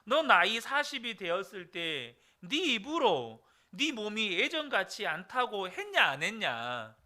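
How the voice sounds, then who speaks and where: A man's voice: sits high, very animated, measured pace, pushed and bright, exaggerated voice. A man voicing God as a stern elder who scolds a complaining man with rhetorical questions, in a retold folk tale. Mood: stern scolding.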